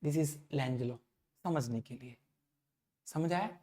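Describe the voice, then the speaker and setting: Here a man teaching physics explains concepts in a lecture, going back over the main ideas and tossing out brief questions to confirm students follow. His voice is mid-range and mellow.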